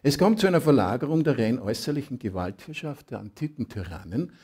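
A man's voice: medium pitch, sing-song, fast, warm tone, slightly rough. A man giving an emphatic sermon that explains scripture. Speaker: preacher. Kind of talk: Bible exposition sermon.

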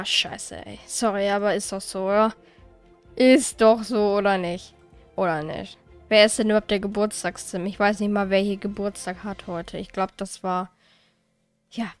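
A woman hosting a let's play, giving casual, chatty commentary as she plays, often exasperated and swearing lightly. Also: mid-range voice.

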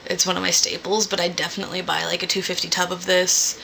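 A woman's voice: lowish voice, flat delivery, fast talker, vocal fry, heavy background noise. A young adult woman, a hookah review host, chatting casually and enthusiastically while holding a finger on her lips.

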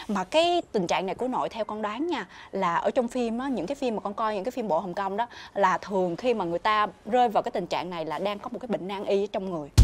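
An actress playing a chatty, dramatic young pregnant granddaughter, rambling and excitable. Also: female voice, fairly high pitch. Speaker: granddaughter-in-law.

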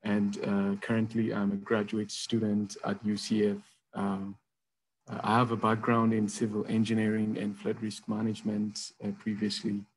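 A man's voice: moderate pace, husky, low-quality recording. A young man from Ethiopia giving a video-call lecture as a guest presenter, with many hesitant "uh"s. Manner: many filler "uh"s, low flat delivery. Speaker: guest presenter, graduate student.

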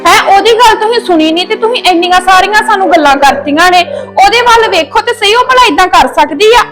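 A woman's voice: very high voice, animated, fast, loud music behind the voice. A young woman playing a loyal younger daughter who earnestly pleads with her father for her sister. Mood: pleading. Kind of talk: domestic drama acting.

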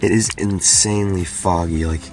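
A man's voice: deep voice, steady tone, moderate pace, faint music behind. Rambling young man vlogging to camera. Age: young adult. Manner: rambling, filler-heavy talk to camera. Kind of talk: casual vlog narration. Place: inside a car in a garage, also a bedroom. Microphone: handheld camera at arm's length.

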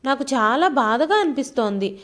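A woman's voice: high voice, animated, normal speed, a bit bright. A woman voicing a hurt, tearful young wife in a storybook reading, pleading through sobs. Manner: pleading, sobbing.

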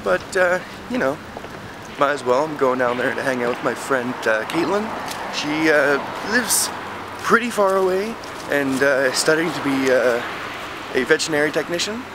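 Young male vlogger, sick and hoarse, rambling, recorded over heavy noise. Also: on the high side, normal speed. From Canada. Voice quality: hoarse and raspy. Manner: rambling, filler-heavy talk. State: sick, rough voice. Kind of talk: casual vlog.

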